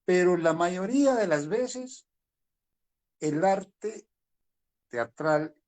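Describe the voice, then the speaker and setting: An older man with a Honduran accent, a playwright speaking on a video call panel in a slow, meandering, reflective way. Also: sits high, animated, a little mellow. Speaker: playwright and theater director.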